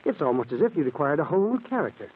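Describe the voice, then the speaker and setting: A flustered, devoted young husband stammering earnestly in a 1940s radio drama. His slightly raised, husky voice swings lively up and down. The sound is thin and tinny, like an old broadcast. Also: fairly high pitch, very fast.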